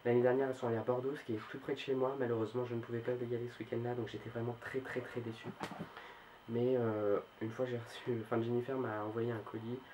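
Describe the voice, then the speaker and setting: A man in a casual video chat about his book collection, pausing often and restarting his sentences. His voice stays level and monotone throughout, with a faint hiss of noise behind him. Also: medium pitch, rough recording. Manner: hesitant, full of "euh" fillers and restarts. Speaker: book vlogger.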